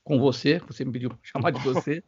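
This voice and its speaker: A man's voice: mid-range voice, fast, a little mellow, husky. An older man hosting an interview, asking rambling, hesitant questions full of restarts. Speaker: interview host. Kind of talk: casual interview conversation. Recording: slightly dull, lo-fi recording.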